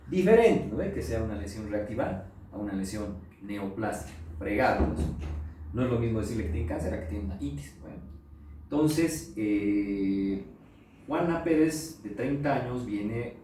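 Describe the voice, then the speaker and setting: A middle-aged pathologist with a Bolivian Spanish accent gives an anecdote-filled lecture, animatedly telling stories and acting out the voices he quotes. His voice sits on the low side and moves a little slowly, with slight background noise. The recording has a roomy echo, and he sounds far from the mic.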